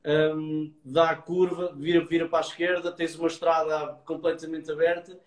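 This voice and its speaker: A man's voice: a little high, little pitch movement, normal speed. A man with a European Portuguese accent giving casual advice in an explanatory way, often checking in with short tag questions. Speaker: adviser giving website feedback. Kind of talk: casual advisory chat. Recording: echoey room.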